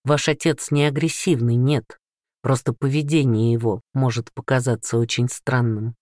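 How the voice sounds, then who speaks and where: A man voicing a calm male doctor who speaks in a measured, reassuring way. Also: medium pitch, no room sound, studio quality, close to an everyday voice.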